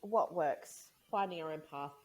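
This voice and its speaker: Over poor audio, a thirties-aged woman co-hosting a podcast rambles in easygoing conversation, frequently giggling. Her voice is low-pitched and her pace a little slow.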